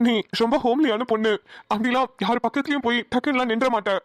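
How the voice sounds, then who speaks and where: A woman voicing a patient young husband in a cartoon, speaking softly and apologetically. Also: a little high, fairly even intonation, fast, no room sound, lightly acted. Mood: coaxing. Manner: soft, coaxing, apologetic. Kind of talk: cartoon voice acting.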